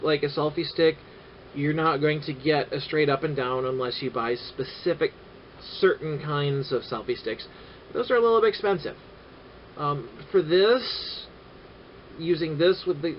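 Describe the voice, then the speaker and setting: A man vlogging casually about his camera gear, rambling and halting with many filler sounds and dry sarcastic asides. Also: on the high side, lively intonation. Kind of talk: casual gear-review vlog. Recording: dull lo-fi audio with faint noise.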